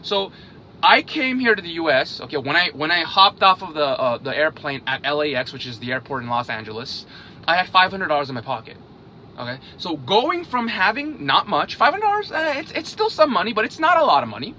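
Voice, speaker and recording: A man in his thirties talks straight to camera in a casual vlog, his fairly high voice bright and pushing forward. His pitch jumps around a lot, and he tacks an "okay?" onto nearly every point. A faint vehicle hum sits low in the background. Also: a little fast. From South Korea, raised in Hungary. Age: 30s. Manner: animated, checks in with "okay?" after most points. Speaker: vlogger on investing. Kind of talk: casual direct-to-camera talk.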